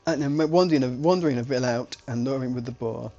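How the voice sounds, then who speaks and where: An esports caster with a warm, mid-range voice talks fast while casting a strategy game live, heard through dull audio. He's chatty and rambling, often restarting and correcting his sentences.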